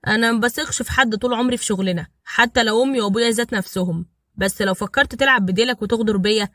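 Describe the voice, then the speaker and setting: A woman's voice: a little high, rapid-fire, fairly bright tone, no echo, clean studio sound, natural voice. A woman voicing a tough, fearless male mafia smuggler with an Egyptian accent, cool and blunt. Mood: defiant. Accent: Egyptian Arabic.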